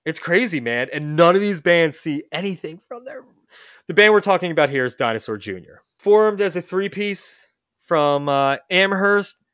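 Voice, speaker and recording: His voice a little high, expressive and fairly bright, a male podcast host chats casually about music at a moderate pace. He tends to ramble, restart and correct himself partway through sentences, in studio-quality sound with no room tone.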